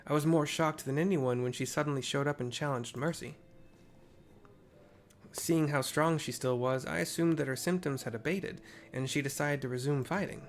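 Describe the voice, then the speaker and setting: A man reading the lines of a remorseful male champion wrestler in a game, in a measured, earnest voice. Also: fairly high pitch, faint music behind, natural voice. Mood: grave. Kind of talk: reading game dialogue aloud.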